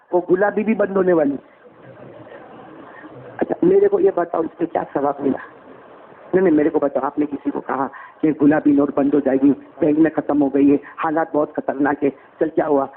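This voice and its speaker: High-voiced preacher, tinny sound. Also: male voice, creaky, slight background noise. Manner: animated, calls out questions to the audience. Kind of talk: sermon.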